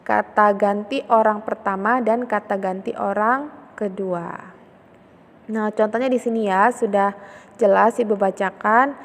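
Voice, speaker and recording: A woman's voice: medium pitch, fairly even intonation, a little slow, in a large hall. A woman teacher patiently explaining a lesson, often checking in with a short "ya" as she repeats her points. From Indonesia.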